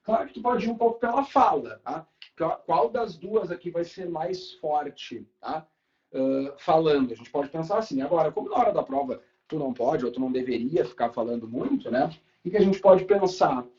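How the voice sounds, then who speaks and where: Casual teacher, lo-fi stream. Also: male voice, on the high side, animated, normal speed, darkish tone. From Brazil. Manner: casual, chatty, swears lightly. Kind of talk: live online class.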